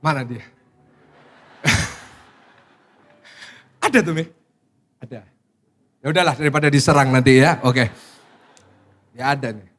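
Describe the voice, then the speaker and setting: A middle-aged man, a pastor preaching a sermon to a congregation. He tells personal stories animated delivery, acts out his own shocked reactions and asks the congregation questions. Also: medium pitch, moderate pace, pauses often. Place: church sanctuary in front of a congregation.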